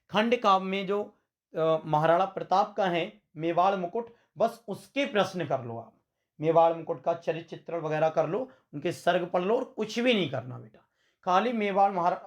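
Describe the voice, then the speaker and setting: A man teaching an exam-prep lesson with a western Uttar Pradesh Hindi accent, who often calls his students "beta" and repeats his points back as questions. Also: sits high. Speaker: coaching teacher.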